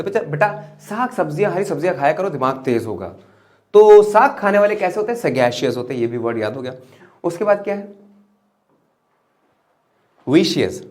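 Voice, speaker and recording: Using mnemonics to teach vocabulary, a young Indian English-accented man alternates animatedly between loud, emphatic statements and quiet muttered side remarks.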